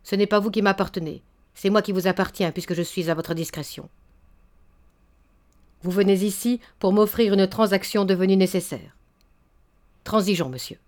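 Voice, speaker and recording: A woman's voice: medium pitch, fairly quick, darkish tone, natural voice. A woman voicing an indignant old baron. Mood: cold, businesslike. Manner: indignant, stammering then thundering. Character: stern proud old male baron, wounded honor.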